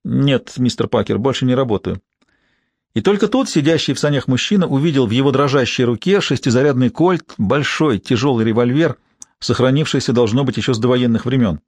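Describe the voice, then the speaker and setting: Male audiobook narrator, measured delivery, middle pitch, dry booth sound. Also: darkish tone, dry recording. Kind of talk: scripted narration.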